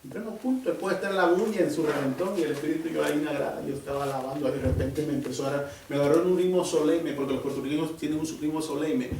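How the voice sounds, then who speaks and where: Guy preaching in a church, swings from loud to hushed, big echo, mic far off, faint hiss. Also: on the high side, fast, hardly any pauses. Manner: emphatic and animated, often dropping to a hushed voice. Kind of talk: sermon with personal testimony. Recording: very echoey church hall from far off.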